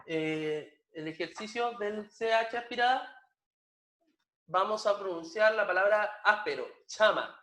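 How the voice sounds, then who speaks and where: In an echoey room, a man teaches a language lesson slowly and patiently, repeating each word several times so students can copy it and drilling their pronunciation. His voice sits fairly high for a man and sounds pushed and bright.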